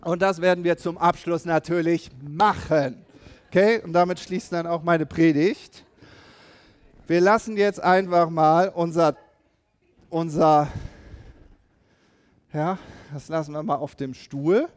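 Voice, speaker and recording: A male pastor preaches with lively energy, acting out little scenes and slipping into other people's voices. He rallies his congregation with call and response. His voice sits notably high for a man. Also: takes it slowly, long pauses, dry recording. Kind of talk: sermon.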